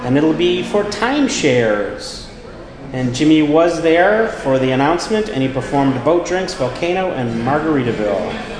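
Higher-voiced man podcasting in an echoey hall. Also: lively intonation, moderate pace, crowd noise. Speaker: podcast co-host. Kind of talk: casual podcast chat and news read-outs. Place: echoey room at a venue. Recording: echoey hallway-like room, music behind.

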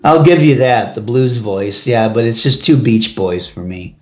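A man's voice: mid-range voice, unhurried, darkish tone, echoey room, muffled recording, soft background music. A man co-hosting a casual album review chat, enthusiastic and steering the track-by-track talk. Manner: enthusiastic, leads the track order and asks his partner's view. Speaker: podcast co-host reviewing an album.

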